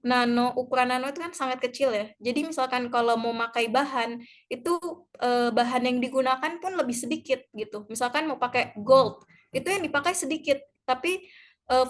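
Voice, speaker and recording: A young woman from Indonesia with a fairly high voice talks casually about her graduate studies over a video call. She rambles with lots of fillers and little laughs, relaxed and chatty. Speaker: graduate student sharing her study experience. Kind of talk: casual online talk.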